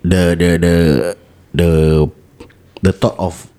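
A man's voice: low-pitched, completely flat delivery, slow, dark tone. A man with a Singaporean accent chatting casually in colloquial Singlish on a podcast, emphatic and often repeating himself. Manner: emphatic, repeats words and phrases. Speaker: podcast panellist.

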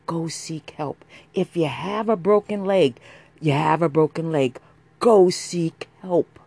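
A woman speaks as a podcast host with a sultry, intimate delivery. Her pace is slow and lingering, as in a personal show introduction. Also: sits low, vocal fry, dark tone, slightly rough, no room sound. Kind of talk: scripted-sounding podcast intro.

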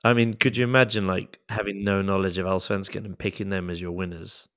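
A man's voice: low-pitched, little pitch movement, a little fast, fairly bright tone, no echo, studio quality. A man hosting a casual football podcast, jokey and bantering with his co-hosts. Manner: jokey, banters and laughs often. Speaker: podcast host.

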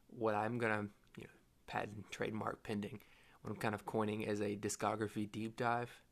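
A young man hosts a solo podcast, his voice low and gravelly with a groggy morning roughness. He rambles and corrects himself as he goes, joking along in a flat, even tone. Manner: rambling, self-correcting, jokey. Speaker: podcast host. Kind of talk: casual solo podcast talk.

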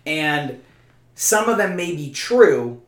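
A man with a voice on the high side, a bit bright and very animated yet slow-paced, co-hosts a podcast in casual chat. He stammers through restarts and talks emphatically, with a roomy echo around him.

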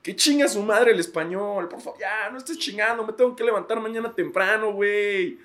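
A man's voice: sits high, fairly quick, a bit bright, voice pushed up. A man with a Mexican accent voicing a language academy as a tired man who brushes off every question in a whiny, exasperated voice. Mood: fed-up dismissive.

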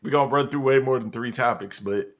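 A man's voice: medium pitch, a little fast, fairly bright tone. A man in his forties co-hosting a podcast, chatting casually and teasing his co-hosts. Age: 40s. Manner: joking, playful teasing. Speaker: podcast co-host. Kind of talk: casual chat.

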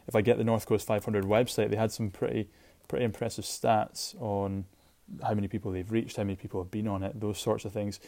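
A man from Shetland, Scotland, with a Shetland Scottish accent, hosts a casual solo podcast. His voice is fairly low, level, brisk and warm in tone. He comes across as informal and enthusiastic and often repeats himself.

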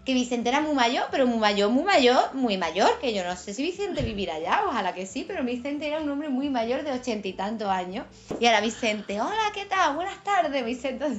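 A woman with a strong Andalusian accent tells stories in a casual chat, her voice sitting a little high. She is lively and laughs often. The recording is somewhat dull and lo-fi. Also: fairly quick. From Andalusia, Málaga. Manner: lively storyteller, laughs often, says "tía" and "¿sabes?". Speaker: guest actress. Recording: dull lo-fi sound.

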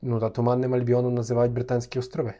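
Man, podcast co-host, deadpan jokes, mellow darkish tone. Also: mid-range voice, very fast. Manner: dry, deadpan jokester, spinning absurd tall tales. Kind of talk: casual joking chat.

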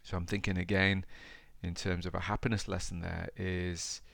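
East midlands bloke doing a chatty motivational podcast, lowish voice, really dry close sound. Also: male voice, level tone, moderate pace, gravelly, fairly bright tone, dry recording. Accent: East Midlands English. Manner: informal, conversational, addressing the listener directly. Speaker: podcast host. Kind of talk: chatty motivational talk to the listener.

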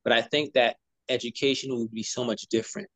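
Guy hosting an interview, chatty and affirming, avg pitch, dry close sound, lots of "you know". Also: steady tone, fairly quick, fairly bright tone, no echo. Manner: conversational, affirming, many "you know" fillers. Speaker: interview host. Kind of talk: casual interview talk.

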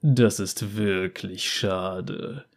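A man voicing a big, gruff bounty hunter in a slow, low growl. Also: fairly even intonation, full character voice.

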